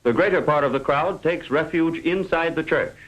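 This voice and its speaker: A male narrator delivers a 1950s newsreel script with formal, measured phrasing. His voice sits a little high for a man. The sound is that of an old newsreel film soundtrack. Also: a bit bright, poor audio.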